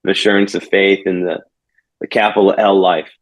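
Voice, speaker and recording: Earnest low-voiced male pastor. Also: flat delivery, brisk, low-quality recording. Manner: earnest and reflective, often restarting phrases. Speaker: pastor, interview guest. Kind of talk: conversational storytelling.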